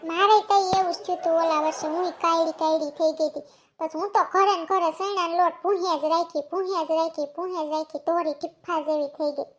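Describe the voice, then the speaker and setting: Super squeaky bossy village aunties w/ kathiawadi accent, talking fast, nagging. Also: female voice, fairly even intonation. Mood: gossipy. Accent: Kathiawadi Gujarati. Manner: shrill, quick, nagging and shouting. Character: loud bossy village women, middle-aged, scolding. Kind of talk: cartoon comedy voice acting.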